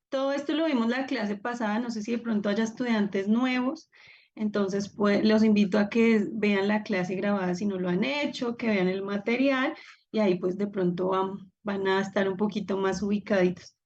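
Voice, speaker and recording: A woman's voice: medium pitch, a little mellow, highs cut off. A woman teaching a live online class, encouraging and upbeat as she calls on students by name over a video call. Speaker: Biblical Greek teacher.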